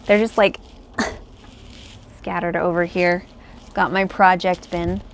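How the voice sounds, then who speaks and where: A woman chats casually at home, thinking aloud and circling back with "um" and "like" as she walks through her crochet designs. Her voice sits a little low. A faint hum of room ambience lies under the recording. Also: flat delivery, takes it slowly, creaky. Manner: rambling and thinking aloud, many fillers. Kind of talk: casual chat. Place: home, indoors.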